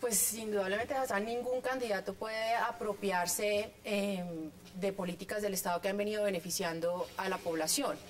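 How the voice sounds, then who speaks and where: A woman, a Senate candidate speaking in a measured, formal way in a televised debate. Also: medium pitch, fairly even intonation. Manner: measured, formal, some hesitations.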